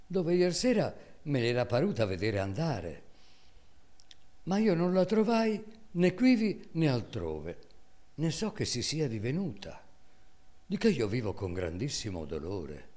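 A man's voice: fairly high pitch, big pitch swings, measured pace, dark tone, pitched above the performer's own voice. A man reading a classic tale, voicing a frightened female servant who pleads anxiously. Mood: worried. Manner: pleading, worried.

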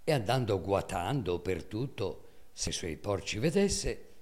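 A man giving a dramatic, measured reading of classic prose. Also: on the low side. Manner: expressive, measured storytelling. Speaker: reader.

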